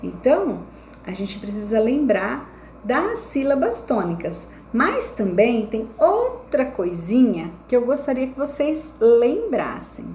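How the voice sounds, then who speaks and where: A young woman teacher giving a recorded online lesson to children, explaining slowly and checking in with frequent tag questions. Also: fairly high pitch, very animated, darkish tone. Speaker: primary school teacher. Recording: echoey room with faint background noise.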